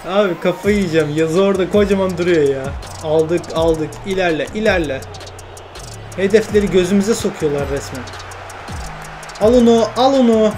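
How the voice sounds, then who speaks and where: A young man commentating his own football video game play, shouting at teammates between frustrated and joking remarks. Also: high voice, moderate pace, faint music behind. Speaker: gaming YouTuber.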